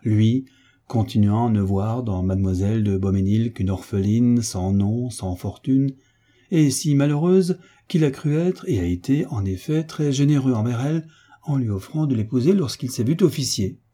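A man voicing a calm, patient hunchbacked marquis in an audiobook, explaining things soothingly. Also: mid-range voice, moderate pace, lightly acted.

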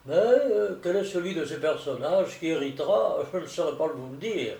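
Discreet, deferential stockbroker, a man reading him in a storybook, measured and confiding, roomy far-off sound. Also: on the high side, expressive, creaky, mellow. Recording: roomy echo, distant mic.

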